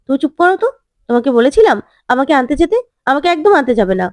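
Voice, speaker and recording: A woman voicing an upset, defiant young woman in a retold TV serial, speaking with indignant, halting restarts. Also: sits high, big pitch swings, dry recording, studio quality.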